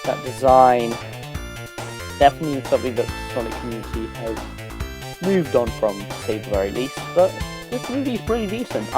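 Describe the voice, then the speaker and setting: A medium-pitched man hosts a gaming video channel, delivering casual, semi-improvised list commentary. He speaks haltingly, often trailing off and repeating words.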